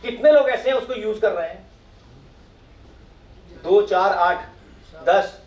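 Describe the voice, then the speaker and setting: High-voiced man addressing an audience. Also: takes it slowly, a little mellow, muffled recording. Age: middle-aged. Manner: asks the audience questions and acts out their replies. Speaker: speaker at a professional meet. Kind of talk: motivational talk to an audience. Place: meeting hall with audience. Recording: echoey hall, mic from far off.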